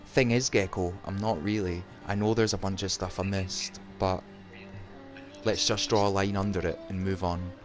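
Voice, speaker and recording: A man from Edinburgh with a soft Scottish accent, hosting a casual livestream chat. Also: low-pitched, flat delivery, moderate pace, over music. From Edinburgh, Scotland. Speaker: livestream host.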